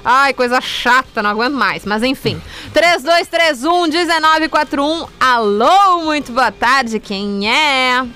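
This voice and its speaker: A woman with a Rio Grande do Sul accent hosting a lively FM call-in show, chatty and affectionate with callers. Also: high-pitched, a little slow, hardly any pauses, faint music behind. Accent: Rio Grande do Sul Brazilian Portuguese. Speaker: radio host.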